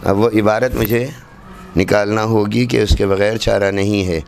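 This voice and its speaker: A man giving a classroom lesson on Quran recitation, demonstrating letter sounds slowly and repeating them for students. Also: on the low side, steady tone, vocal fry, darkish tone, a little hiss or hum.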